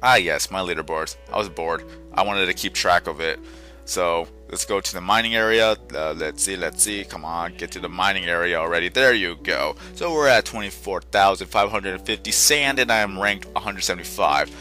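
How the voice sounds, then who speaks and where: A young gaming channel host, tired from little sleep, rambles through casual gameplay commentary, often restarting sentences and correcting himself. His voice is deep, soft and quiet at a moderate pace, with game music faintly underneath.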